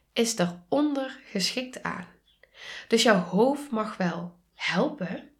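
A woman with a Dutch accent hosting a reflective solo podcast, speaking calmly and softly and often dropping into a whisper. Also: on the high side. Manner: slow, calm, soft-spoken, drops to whispers. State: sneezing. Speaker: podcast host and coach.

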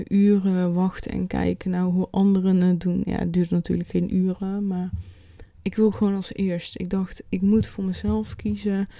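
Woman doing a casual vlog story, really mellow voice, slow-ish, stops to find words, dry sound. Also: mid-range voice, no room sound. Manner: halting, pausing mid-sentence to search for words. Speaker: vlogger. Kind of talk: casual vlog recounting an experience.

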